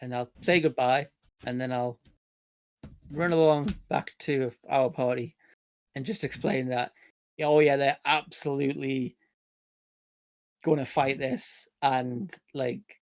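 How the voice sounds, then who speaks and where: A man's voice: mid-range voice, steady tone, slow pace, long pauses. A man playing a tabletop game, talking casually through his character's plans.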